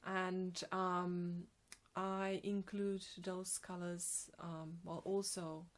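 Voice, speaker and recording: A Slovenian woman in her forties speaks English with a clear Slovenian accent. She talks slowly and carefully, often stopping with ums to find the next word. Her voice sits a little low. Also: little pitch movement. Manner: hesitant, many ums and restarts. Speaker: graphic designer, guest. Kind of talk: casual interview answers.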